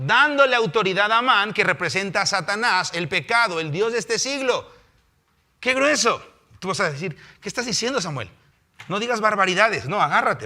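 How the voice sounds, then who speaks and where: Mexican male preacher, higher voice, lively sermon delivery. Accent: Mexican Spanish. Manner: animated, acts out biblical figures in quick voices. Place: house of prayer.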